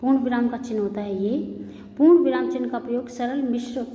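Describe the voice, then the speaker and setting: A woman teaching a Hindi grammar lesson to students, explaining step by step and reading examples slowly. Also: fairly high pitch, warm tone. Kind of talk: classroom lesson. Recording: muffled echoey room with long reverb, faint hiss.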